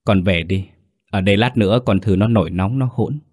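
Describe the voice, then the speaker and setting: A troubled middle-aged village uncle stammers and begs, his voice low and worn, as a male narrator acts him out. The sound is dry and close, like a storybook read aloud. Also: fairly quick, a little mellow, no room sound, natural voice. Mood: pleading. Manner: stammering, pleading.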